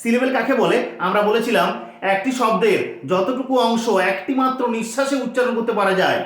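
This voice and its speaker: A man teaching pronunciation, slow and patient, repeating each sound several times. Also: very high-pitched. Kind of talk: spoken language lesson. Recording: very echoey room.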